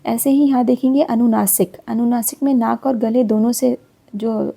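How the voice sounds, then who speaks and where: A middle-aged woman teacher explaining a grammar lesson, repeating example words slowly one by one. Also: a little high, fairly even intonation, creaky, dark tone.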